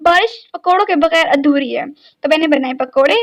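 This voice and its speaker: Young woman, very high voice, chatty rambling vlog talk. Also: normal speed. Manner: chatty and rambling, filler-heavy. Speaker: vlogger. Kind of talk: casual daily-life vlog narration.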